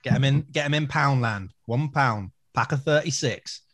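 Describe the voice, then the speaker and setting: British guy, average pitch, informal podcast co-host chatting and bantering. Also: moderate pace, a bit bright. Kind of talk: casual chat, music discussion.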